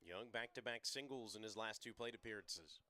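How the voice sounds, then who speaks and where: A young man in his twenties giving color commentary on a live college baseball radio broadcast, with relaxed, analytical remarks on stats and defense. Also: on the low side, a little fast.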